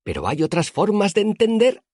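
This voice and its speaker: A man's voice: high-pitched, brisk, no echo, studio quality, pitched above the performer's own voice, exaggerated voice. A man doing Elodin, a wild eccentric master. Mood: exuberant. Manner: excited, shouting, laughing. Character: eccentric male university master, childlike, wild.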